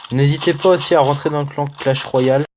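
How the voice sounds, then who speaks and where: A man's voice: fairly high pitch, steady tone, noisy background. A man with a French accent commenting casually on a mobile game he is playing, hesitant and full of fillers. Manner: hesitant, many "euh" fillers, slow and unhurried. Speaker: gaming channel host. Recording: music playing under the voice.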